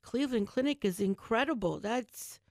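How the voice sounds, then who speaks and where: A woman hosting a talk show, with a somewhat high voice and a dry, close sound. She talks in a chatty, effusive way and praises her guests warmly. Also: animated, normal speed, dry recording.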